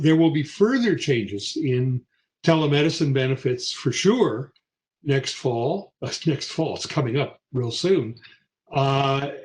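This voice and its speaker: A man speaking as a panel guest, explaining things casually and loosely, with frequent ums, uhs and restarts. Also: on the high side.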